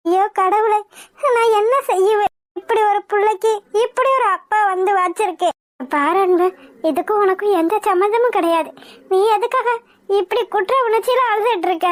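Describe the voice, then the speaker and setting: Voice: extremely high pitch, brisk, no room sound, clean studio sound. A performer voicing a worried, consoling middle-aged mother in a cartoon drama, soothing and resigned.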